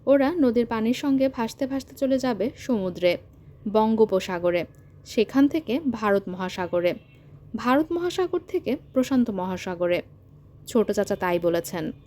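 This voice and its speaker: A woman narrating an audio story in a measured, even storytelling manner. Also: mid-range voice. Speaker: audiobook reader.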